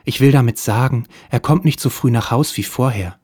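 A man's voice: medium pitch, moderate pace, darkish tone, husky, no echo, studio quality, voice pushed up, close to an everyday voice. A man voicing a wealthy, tearful woman of about thirty who pleads with a detective in a parody noir audio play. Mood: pleading. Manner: pleading, theatrically sobbing.

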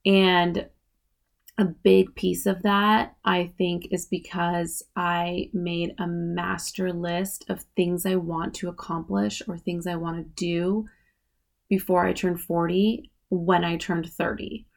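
A woman in her late thirties hosts a casual solo podcast, chatting away and peppering her speech with "like" and "you know what I mean." Her voice is lowish and creaky, with little pitch movement and a slow pace.

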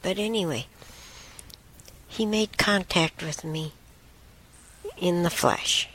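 A woman hosting a talk show, telling a spiritual story in a rambling way, with soft whispered asides. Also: fairly low pitch, slow pace, slight background noise. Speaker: show host.

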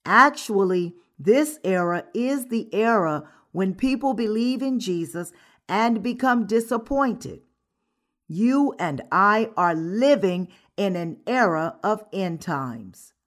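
Slow, measured woman reading a sermon. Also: medium pitch, animated, fairly bright tone. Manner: measured, earnest delivery. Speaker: sermon reader.

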